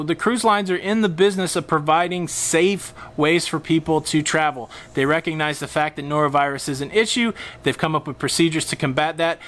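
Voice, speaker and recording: A man in his forties hosts a cruise travel vlog outdoors on a pool patio, making a casual, argumentative case packed with rhetorical questions and punchy emphasis. His voice is on the high side and fairly bright, with a little hiss or hum.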